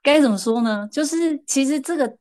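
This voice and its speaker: A woman, a guest casually telling lively stories. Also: high voice, fairly quick. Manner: lively anecdotal, shifting pace. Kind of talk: casual storytelling.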